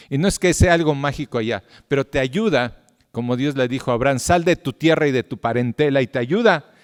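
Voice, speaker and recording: Middle-aged male pastor, smooth resonant voice, impassioned sermon delivery with loud peaks and hushed drops, long church reverb. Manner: impassioned, rising loud at appeals then dropping to a low hush. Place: church hall.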